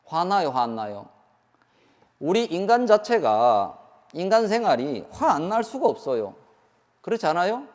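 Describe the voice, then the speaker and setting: A male monk preaching a sermon with a lively, rising and falling voice. He asks his listeners question after question and acts out the quarrels he describes. The reverb of the hall trails behind his words. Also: high voice, a little slow. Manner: asks the audience questions, acts out quoted lines.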